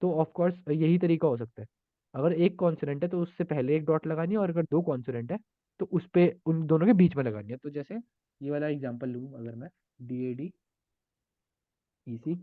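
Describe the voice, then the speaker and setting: A programming tutor with a voice on the high side goes over contest solutions live, talking a little fast. He reasons out loud with frequent fillers and restarts, and the recording sounds dry and narrow, like a phone call.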